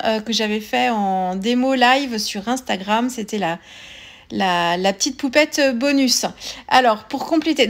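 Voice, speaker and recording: Chatty woman explaining crafts. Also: a little high. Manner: chatty, hesitant, many fillers and restarts. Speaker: scrapbooking tutorial host. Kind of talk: casual craft tutorial voice-over.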